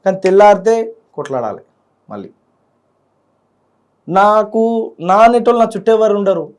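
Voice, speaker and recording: A man's voice: high voice, animated, normal speed, darkish tone. A young man, a student leader speaking in an interview with heartfelt feeling and often repeating his words. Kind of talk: emotional interview.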